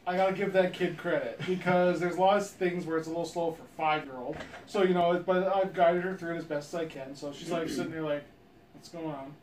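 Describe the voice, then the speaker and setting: A man's voice: a little high, steady tone, fast, a little mellow, echoey room, far from the mic, slight background noise, poor audio. A man hosting a casual podcast chat, laughing often and pulling the talk back on topic. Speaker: podcast host.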